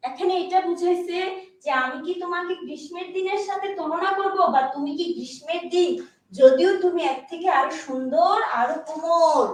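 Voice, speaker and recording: Very high-voiced woman lecturing in an echoey room. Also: distant mic. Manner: explains slowly, checks understanding with repeated questions. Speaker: English literature teacher. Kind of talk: classroom lecture.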